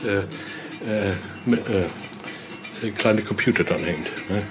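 Over music, a man with a fairly low voice speaks at a moderate pace while giving a casual guided tour of an indoor exhibition room. He's a museum guide and voodoo expert who explains things and frequently adds small tag questions, with faint on-site background noise in the recording.

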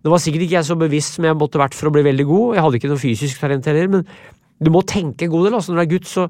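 Man in his fifties, rambling storyteller, fairly high voice, dry close sound. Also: a little mellow, dry recording. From Brumunddal, Norway. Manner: rambling, repeats words, blunt and salty. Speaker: podcast guest, author. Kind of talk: casual storytelling in interview.

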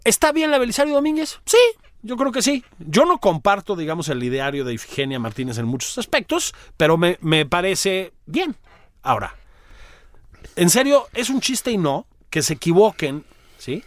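A man's voice: high-pitched, big pitch swings, normal speed, no room sound. A man with a Mexican accent in casual political chat, sarcastic and joking, laughing often. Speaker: political commentator.

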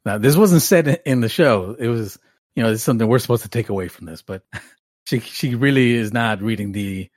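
Chill podcast guy, halting and amused, mid voice, dry sound. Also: mid-range voice, a little mellow, no echo. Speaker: podcast co-host. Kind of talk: casual chat.

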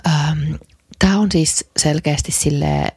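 A woman in her forties co-hosting a casual chat podcast, keeping her voice low and hushed in a makeshift home studio. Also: huge pitch swings, husky, dry recording. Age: 40s. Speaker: podcast co-host.

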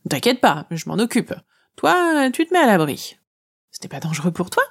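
A woman's voice: medium pitch, sing-song, slightly rough. Woman doing a cheeky, practical talking shadow. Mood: reassuring. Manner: teasing, matter-of-fact, quick. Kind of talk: children's audio story.

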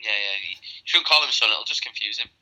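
A man's voice: on the low side, animated, a little fast, bright, forceful tone. A man with a cold, heard through a phone speaker, rambling and joking crudely in casual chat. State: has a cold. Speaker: podcast co-host. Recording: phone call played on speakerphone.

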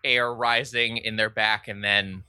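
A man runs a tabletop game, narrating scenes in a very bright, sharp voice, loose and casual with plenty of "like" fillers. The sound is dry and close. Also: fairly low pitch, flat delivery, measured pace, smooth, no echo. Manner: casual, descriptive, with many "like" fillers. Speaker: game master.

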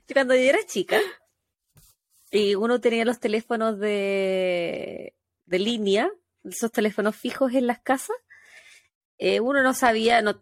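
A woman's voice: mid-range voice, dry recording, clean studio sound. A woman with a Chilean accent, co-hosting a podcast, teasing and laughing in slangy casual chat. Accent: Chilean Spanish. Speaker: podcast co-host.

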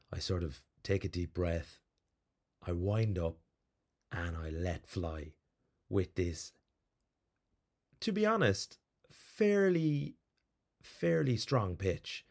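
A man hosting a podcast, telling a rambling, animated story with plenty of fillers before reading out some background. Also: deep voice. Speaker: podcast host. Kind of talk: casual storytelling monologue.

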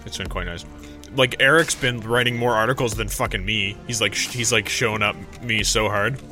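Young guy hosting a podcast, bright voice, swears a lot, rambles on, faint music behind. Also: fairly low pitch, fairly quick. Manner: rambling, profane storytelling. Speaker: podcast host. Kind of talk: casual podcast chat. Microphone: studio mic through a mixer.

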